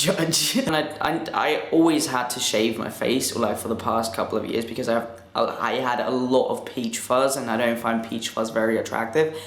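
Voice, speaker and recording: A man's voice: mid-range voice, a bit bright. A man chatting casually to camera as a vlogger, upbeat and laughing often, his voice cracking now and then. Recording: echoey room.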